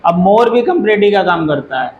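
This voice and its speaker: High pitched guy teaching english grammar to a class, patient, keeps quizzing students, echoey room. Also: lively intonation, fairly quick, narrow, tinny audio, a little hiss or hum. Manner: explains patiently, asks the class questions.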